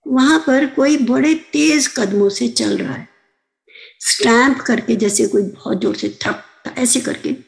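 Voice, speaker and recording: A woman's voice: fairly high pitch, gravelly, darkish tone, poor audio. An older woman earnestly telling a devotional story on a video call, often addressing the listeners as sangat ji. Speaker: satsang speaker.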